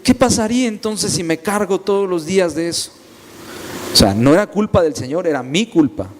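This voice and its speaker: A young man delivers a sermon, weaving personal stories and repeating phrases for emphasis. His voice sits high for a man. It rings out in a hall with a long tail of reverb and faint ambience behind it. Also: lively intonation, a little fast, slight background noise. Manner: storytelling, repetitive emphatic phrasing. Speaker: preacher.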